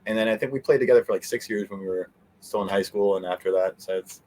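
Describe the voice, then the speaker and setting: A middle-aged man is an interview guest in a casual chat, easygoing and meandering, chuckling often. His lowish, darkish voice moves fast, with slight background noise.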